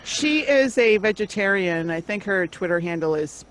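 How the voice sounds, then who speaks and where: A woman with a deep voice, talking casually as a co-host on a talk show. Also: lively intonation, moderate pace, rough recording. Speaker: podcast co-host. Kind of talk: casual chat.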